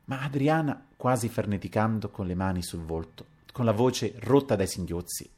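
A man reading a literary novel aloud in the first person, moving between hushed narration and raised, acted dialogue. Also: lowish voice, lively intonation, moderate pace, husky. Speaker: audiobook reader.

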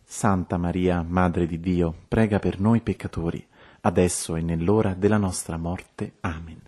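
A man reciting rosary prayers in a steady, measured, devotional way. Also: sits low.

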